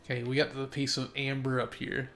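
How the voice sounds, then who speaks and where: A young gaming streamer talks a little fast in a medium-pitched, slightly bright voice with a completely flat delivery. He reads chat aloud while playing live, rambling and correcting himself, and he's sneezy today.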